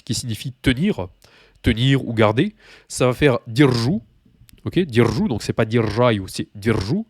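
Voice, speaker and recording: A man gives an informal language lesson in a voice of ordinary pitch. He explains patiently, often pausing, restarting and repeating key points. The recording is dry and close, with no room sound. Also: no echo. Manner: informal and repetitive, with many hesitations. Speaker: language teacher.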